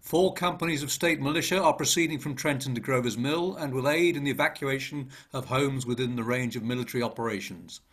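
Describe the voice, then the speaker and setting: Man acting a formal militia general, mid-pitched. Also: brisk, hardly any pauses, fairly bright tone, slightly rough. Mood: official, stern. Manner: formal, official. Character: stern, official male brigadier general of state militia. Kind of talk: scripted radio drama proclamation.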